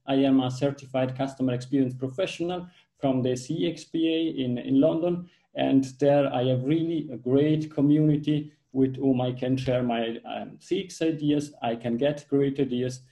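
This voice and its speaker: A man in his thirties from Ticino in southern Switzerland speaks with an Italian accent as a guest on a casual video-call interview from his home office. His mid-range voice has a dark tone, and he talks earnestly, often restarting sentences and using fillers.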